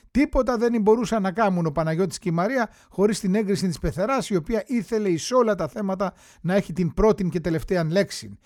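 A man's voice: high voice, darkish tone, no room sound, clean studio sound. A man reading an old newspaper story aloud, acting out the quotes and dropping wry, chatty asides to his listeners.

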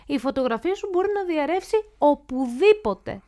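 A woman with a high-pitched voice is a guest expert in an interview. She explains cybersecurity in plain terms and leans on everyday examples to make each point. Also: lively intonation, dark tone.

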